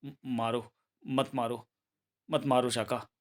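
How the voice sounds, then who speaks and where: Scared bandit boss, a man voicing him, begging and panicky, mid-pitched, comic book read-aloud. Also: flat delivery, fairly quick, lightly acted. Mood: pleading. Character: cowardly male bandit chief, begging and scheming.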